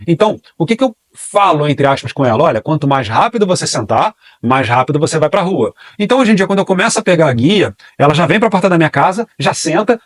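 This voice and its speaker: Brazilian male dog trainer, quick and fairly high voice, dry close sound, rhetorical teaching style. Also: dry recording. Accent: Brazilian Portuguese. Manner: explanatory, repeats key phrases, asks and answers own questions. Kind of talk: online training class.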